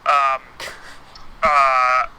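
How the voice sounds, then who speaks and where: A man talking through a phone on speakerphone, chatting casually as a podcast guest, halting with many fillers. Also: medium pitch, flat delivery, pushed and bright, a little hiss or hum, low-quality recording. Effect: heard over a phone on speakerphone. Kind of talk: casual chat about wrestling games.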